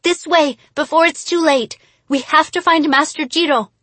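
A woman's voice: sits high, moderate pace, fairly bright tone, no room sound, voice pushed up. A woman voicing a young shrine maiden who snaps out urgent orders. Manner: snapping, urgent.

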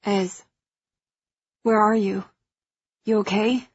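Husky, determined young woman, dry sound. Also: medium pitch, little pitch movement, slow, no echo, highs cut off, full character voice. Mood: worried. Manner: urgent, firm, reassuring. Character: fierce, protective young female hacker aboard a spaceship. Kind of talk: dramatized audiobook acting.

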